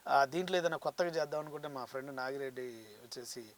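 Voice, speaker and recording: A man who works as a mimicry artist, telling the story of his career in a casual studio interview. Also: mid-range voice. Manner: rapid, chatty storyteller.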